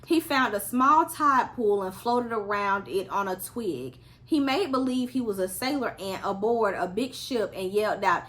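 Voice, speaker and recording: A woman's voice: mid-range voice, expressive, unhurried, hardly any pauses, a bit bright. A woman reading a children's story aloud as a storyteller, acting out the characters' lines expressively.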